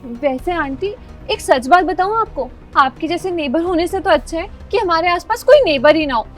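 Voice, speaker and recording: A woman's voice: very high voice, lively intonation, moderate pace, far from the mic, faint music behind. A woman playing a spoiled daughter who taunts a neighbor in a bratty way. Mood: taunting. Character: spoiled mocking young daughter.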